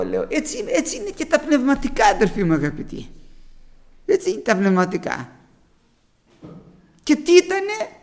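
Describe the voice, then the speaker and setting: A man with a very high voice preaches a testimony sermon to his congregation. He recounts a story from his childhood with fervent, rising emphasis.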